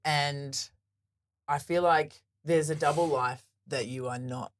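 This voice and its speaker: A woman's voice: deep voice, fairly even intonation, slow. A woman with an Australian accent hosting a podcast in a playful, teasing casual chat, laughing often. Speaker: podcast host.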